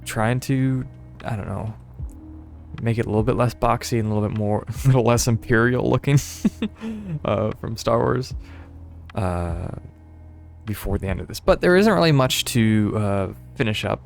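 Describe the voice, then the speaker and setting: A young man with a lowish, gravelly voice and lively intonation streams a building game, offering casual commentary at a moderate pace. He rambles and hesitates, filling long pauses with laughs and fillers, his voice slightly stuffy, while faint music plays behind him.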